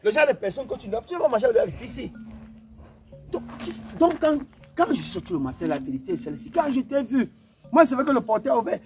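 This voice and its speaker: A man's voice: very high voice, big pitch swings, quick pace, faint music behind, full character voice. A man playing a defensive boyfriend caught out. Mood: pleading. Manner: defensive, pleading, repetitive. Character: young man accused of cheating, defensive.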